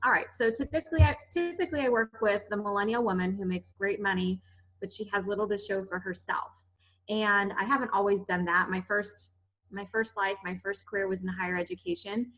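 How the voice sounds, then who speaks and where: Bright-voiced female podcast guest. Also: medium pitch, fairly quick, low-quality recording. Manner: upbeat, explanatory, some restarts. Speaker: author and money coach guest. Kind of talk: casual interview chat.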